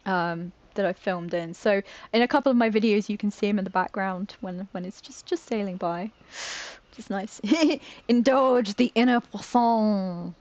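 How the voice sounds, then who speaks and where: A woman's voice: mid-range voice, steady tone, normal speed, a little mellow, dull audio. A British woman streaming a game, chatting casually, giggling and poking fun at herself as she trips over words. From Britain. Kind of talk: casual live-stream chat while playing.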